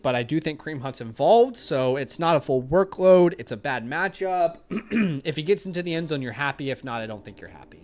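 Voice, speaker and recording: A man with a slightly high, worn voice talks his way loosely through a livestream and gets animated when viewers push him. He sounds like he is losing his voice, and soft music plays behind him. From Australia. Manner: rambling, animated, easily exasperated with viewers. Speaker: fantasy football host answering live chat questions. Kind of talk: casual livestream chat.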